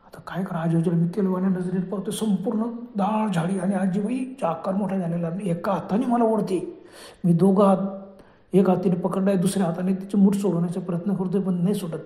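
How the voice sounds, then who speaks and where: High-voiced male horror storyteller. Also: steady tone, brisk, warm tone, echoey room. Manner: dramatic, breathless retelling. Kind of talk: first-person horror narration.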